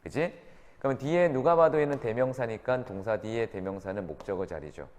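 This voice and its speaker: A man's voice: mid-range voice, fairly quick, darkish tone. A man teaching an English grammar lesson to students, often checking in with short tag questions. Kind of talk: classroom grammar lecture. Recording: reverberant lecture room.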